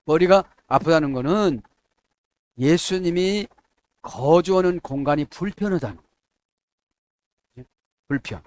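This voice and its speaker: Lively middle-aged Korean pastor preaching. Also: male voice, a little high, takes it slowly, long pauses. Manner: asks the congregation "에?" to check agreement. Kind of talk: sermon.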